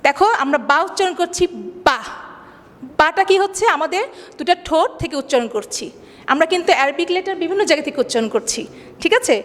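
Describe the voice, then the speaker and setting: High-voiced woman teacher in reverb. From Bangladesh. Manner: explains in English then repeats in Bengali, asks questions and answers them; slow, deliberate English, faster Bengali. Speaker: school teacher. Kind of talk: classroom lesson. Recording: long hall reverb.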